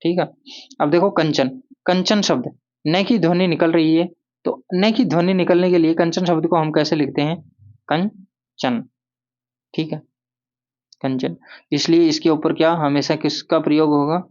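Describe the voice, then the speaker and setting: A male Hindi grammar teacher gives a classroom-style lesson, repeating key words and posing questions he then answers himself. His voice sits on the high side, with a steady tone, normal speed and a darkish quality. The recording sounds lo-fi.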